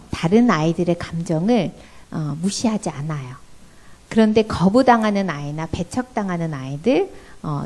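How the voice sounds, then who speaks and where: A woman's voice: mid-range voice, warm tone. Korean woman lecturing a church audience. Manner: asks the audience questions and acts out parent and child voices. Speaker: professor giving a parenting seminar. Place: church hall.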